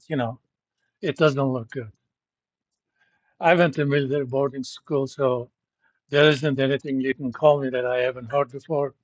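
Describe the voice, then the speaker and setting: A man's voice: medium pitch, dry recording, highs cut off. A middle-aged man from Turkey who teaches at a university, lecturing his class in a blunt, joking, informal way. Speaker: university professor.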